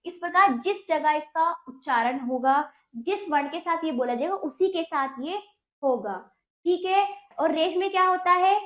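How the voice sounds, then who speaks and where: A woman's voice: very high voice, lively intonation, unhurried, reverberant, lo-fi sound. A woman teaching a Hindi lesson to children, patiently asking questions and answering them herself.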